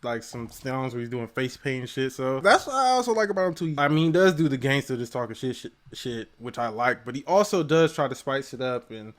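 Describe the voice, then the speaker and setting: A man co-hosting a casual music review show, talking in an animated way that swings between loud hype and quiet mumbled asides. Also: mid-range voice, a little fast, hardly any pauses. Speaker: co-host of album review show.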